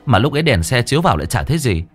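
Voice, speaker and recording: A man's voice: mid-range voice, sing-song, husky, faint music behind. A man voicing a gossipy, superstitious longtime neighbor telling eerie stories. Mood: anxious. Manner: rapid, gossiping.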